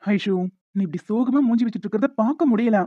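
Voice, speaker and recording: Woman voicing a caring cartoon friend, gentle coaxing advice, phone-like tinny sound. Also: on the high side, quick pace, dry recording, natural voice. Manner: coaxing, advising. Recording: tinny phone-like dry recording.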